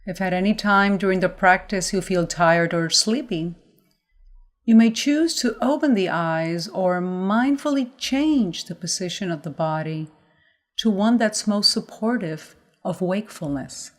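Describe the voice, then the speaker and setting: A woman with a mid-range voice leads a guided body scan meditation. As a mindfulness guide, she gives gentle instructions in measured phrases broken by pauses.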